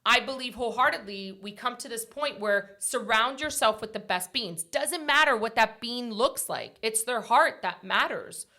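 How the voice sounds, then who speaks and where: A woman's voice: fairly high pitch, expressive, normal speed, hardly any pauses, sharp tone. A woman in her forties hosting a casual motivational talk show. She speaks emphatically, repeats her points and often ends with "right?". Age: 40s. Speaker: podcast host.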